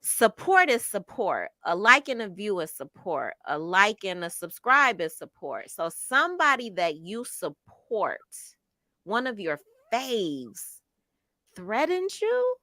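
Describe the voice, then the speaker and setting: A middle-aged woman co-hosting a casual chat show, reading viewer comments aloud and reflecting on them in a measured way. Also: medium pitch, sing-song, bright, forceful tone, no room sound.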